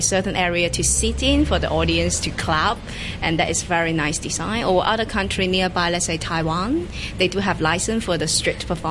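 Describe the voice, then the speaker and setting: A woman interviewee, a street performer, answering in plain everyday talk. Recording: noisy, rumbling background.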